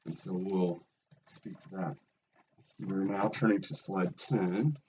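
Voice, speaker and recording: A deep-voiced man delivers a recorded philosophy lecture with earnest emphasis. He keeps checking in with his listeners as he explains, and the sound is somewhat dull and lo-fi. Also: steady tone, slow, darkish tone, a little hiss or hum. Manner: earnest, emphatic, with frequent "right?" and "okay?" checks.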